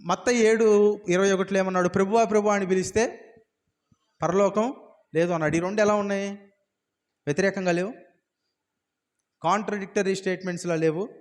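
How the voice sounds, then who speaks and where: A man preaching a sermon as pastor, asking rhetorical questions and shouting repeated cries. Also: high-pitched, steady tone, a little fast, long pauses. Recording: long hall reverb.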